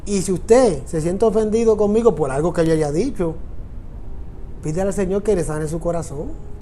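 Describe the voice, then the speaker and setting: Over slight background noise, a man from Puerto Rico delivers a sermon about prayer at a moderate pace. His voice is high with a dark tone and a Puerto Rican Spanish accent, and as a pastor he speaks earnestly and repetitively, straight to his listeners.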